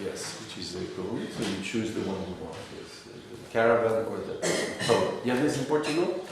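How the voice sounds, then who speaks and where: A man's voice: fairly low pitch, animated, moderate pace, crowd noise. A man from Algeria leading a philosophy workshop, lecturing a group in a wry, teasing way. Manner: teasing, wry, laughs between remarks. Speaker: philosophy seminar leader. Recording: echoey room, from far off, faint hiss.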